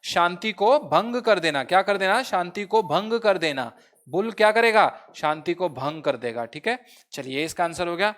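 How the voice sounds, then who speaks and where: A man's voice: high-pitched, expressive, normal speed, fairly bright tone. A male teacher giving an online exam-prep English lesson in Hindi and English, asking and answering his own questions and spelling words out letter by letter. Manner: mixes Hindi explanations with English.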